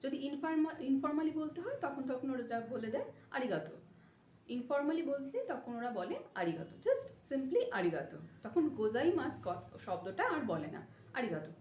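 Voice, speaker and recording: A woman teaching a casual language lesson, explaining step by step and repeating phrases slowly. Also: high-pitched, very animated, darkish tone. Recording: echoey room with faint noise.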